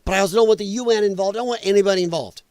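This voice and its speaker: Talking very fast in a high-pitched yet darkish, smooth voice, this political livestream host gives a casual monologue. He is blunt and sarcastic, imitating opponents in mocking voices, and the recording is dry.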